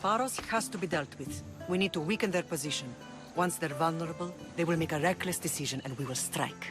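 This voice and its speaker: A video game cutscene features an actress as a middle-aged mother in charge of an island, calm and authoritative. Her low voice moves a little fast and stays close to ordinary speech, with music playing underneath.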